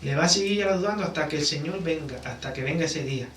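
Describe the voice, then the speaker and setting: A fast-talking Puerto Rican man with a high, fairly bright voice preaches a conversational sermon in a church sanctuary. He keeps checking for agreement through rhetorical tag questions, and the roomy recording comes from a distant mic with background noise.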